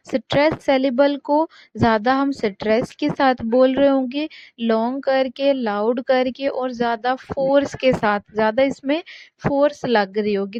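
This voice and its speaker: A woman's voice: on the high side, a little mellow, dry recording. A woman teaching an English lesson, patient and repetitive, mixing Hindi and English. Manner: slow, patient, repeats points with "theek hai". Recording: dull lo-fi.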